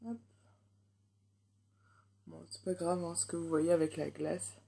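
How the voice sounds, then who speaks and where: Chatty young Frenchwoman with mellow voice. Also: fairly low pitch, flat delivery, measured pace, gravelly, breathy edge. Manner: chatty, hesitant, many fillers. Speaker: beauty vlogger. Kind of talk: casual makeup review.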